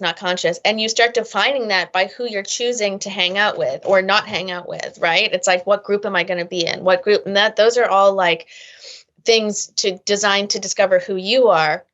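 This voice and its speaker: A woman's voice: mid-range voice, fairly bright tone. Chatty woman therapist, dull sound. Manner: long rambling explanations full of "you know" and "right?", acting out quoted thoughts. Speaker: therapist and author, podcast guest. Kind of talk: casual interview talk.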